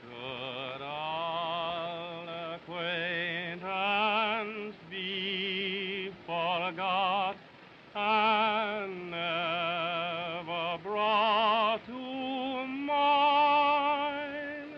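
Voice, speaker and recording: Woman singer, early talkie film, sentimental operatic song, extremely slow, muffled, music behind. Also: mid-range voice, fairly even intonation. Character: woman solemnly singing a sentimental farewell song.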